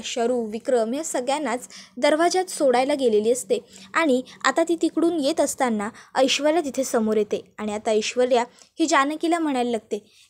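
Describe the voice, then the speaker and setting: A woman narrating a recap of a TV serial episode, retelling it as a story and voicing the characters. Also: high-pitched. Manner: plain storytelling, quotes characters.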